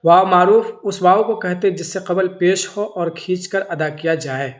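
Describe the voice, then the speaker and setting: A man teaching a grammar lesson, slowly spelling out examples and answering his own questions. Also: high voice. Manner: slow, repetitive, asks and answers own questions.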